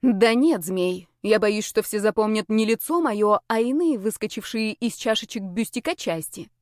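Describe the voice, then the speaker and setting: A woman's voice: mid-range voice, normal speed, no room sound, natural voice. A stubborn young witch, as a woman narrator speaks her lines, emphatic and exasperated, pushing her words hard. The sound is dry and close, as in a read audiobook. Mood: nervous. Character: young witch heroine, stubborn and hot-tempered.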